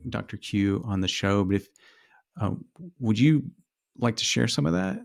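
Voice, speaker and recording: A man's voice: fairly low pitch, lively intonation, moderate pace, gravelly. A man co-hosting a podcast, talking casually and hesitantly, often restarting his phrases as he asks his guest to share. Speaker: podcast co-host. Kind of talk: casual conversational interview.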